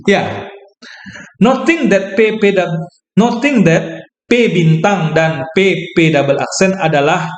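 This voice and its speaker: A man's voice: on the high side, roomy sound. A man explaining a geometry proof as a math lecturer, thinking aloud, correcting himself and checking in with listeners. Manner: thinks aloud, self-corrects, asks "ya kan?".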